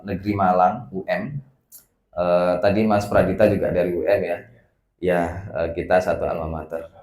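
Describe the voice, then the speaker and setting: A man from Padang, West Sumatra, speaks in a deep, darkish voice, his Indonesian carrying a Javanese lilt. As executive director of a research institute, he gives a casual, self-deprecating welcome speech full of filler sounds. The recording is rough, in an echoey room.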